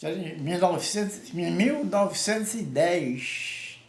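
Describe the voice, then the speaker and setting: Here the older man, speaking with an Amazonian Brazilian accent, storytells informally in a high-pitched, gravelly, expressive voice at a slow pace. He rambles, repeats words and frequently tags phrases with brief questions, all in an echoey room.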